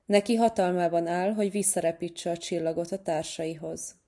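Eager little girl kitten in a storybook, kind, excitable younger sister, read by a woman. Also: on the low side.

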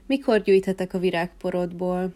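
Woman doing a flattering bee boss, buzzy and sweet-talking, storybook, warm mellow voice. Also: on the low side, lightly acted. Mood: fawning. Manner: buzzing, fawning. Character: leader of the bees, male, flirty then offended.

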